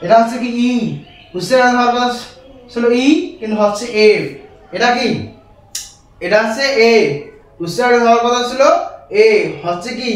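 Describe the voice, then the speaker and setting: High-voiced man teaching in an echoey room. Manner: repetitive, checks in with "right?" often. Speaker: English grammar teacher. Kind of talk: classroom grammar lesson. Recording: echoey room, mic far away.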